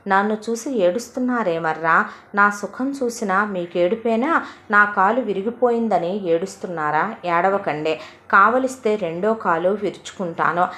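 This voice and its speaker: A woman's voice: medium pitch, normal speed, a bit bright, close to an everyday voice. A woman voicing a rambling, half-mad elderly father who speaks in philosophical wordplay, for an audio story. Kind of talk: Telugu audio story acting.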